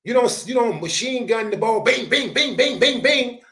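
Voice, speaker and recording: Animated, preachy man in a roomy echo. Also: very high voice, moderate pace. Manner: preachy, slangy advice with loud bursts. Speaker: show host reacting to a dating clip. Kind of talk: animated reaction commentary.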